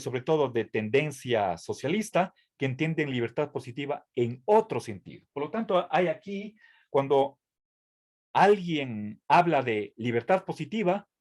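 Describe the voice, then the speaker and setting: With a voice on the high side and a little mellow, a male university lecturer leads a tutoring session. He explains carefully yet hesitantly, filling his speech with fillers and restarts and often asking "¿sí?" to make sure students are following.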